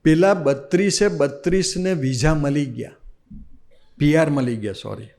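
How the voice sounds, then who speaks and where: A man's voice: a little high, unhurried, vocal fry. A man with a Gujarati accent, a swami giving a devotional sermon who tells stories and acts out the dialogue. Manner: animated storyteller acting out quoted dialogue.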